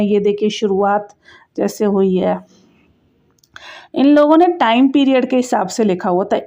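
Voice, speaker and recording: Over muffled, dull lo-fi audio, a travel vlogger gives a chatty voice-over for her sightseeing tour and talks viewers through what they're seeing. Her voice is mellow and fairly high.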